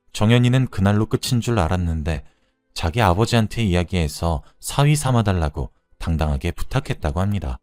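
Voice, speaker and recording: A man in his late thirties narrates his own story in a calm, reflective, confessional way. His voice sits very low and is recorded dry and close. Soft music plays faintly behind him. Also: no echo. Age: 30s. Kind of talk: first-person storytelling narration. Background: faint background music.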